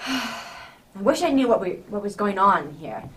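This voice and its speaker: A woman playing a flustered, good-hearted gentleman doctor in a radio drama, blustering in an old-fashioned way. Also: mid-range voice, heavily acted. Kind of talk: amateur radio drama acting. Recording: noisy room, distant mic.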